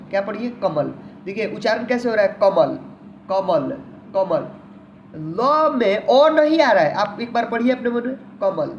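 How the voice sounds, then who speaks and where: A man's voice: high voice, a little hiss or hum. A man teaching an online lesson in a patient manner, who repeats each word several times and often addresses the viewer as his friend.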